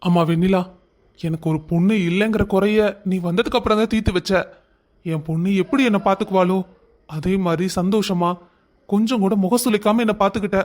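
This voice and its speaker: A man voices a warm-hearted old father-in-law, gentle, high-pitched for a man. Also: fairly quick, lightly acted. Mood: reassuring. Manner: gentle, reassuring. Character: kind elderly father-in-law, gentle and protective.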